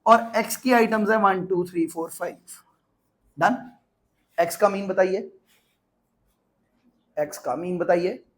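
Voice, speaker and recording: A man's voice: high voice, unhurried, long pauses. A man teaching a classroom lecture, repeating his points and mixing English terms into his talk.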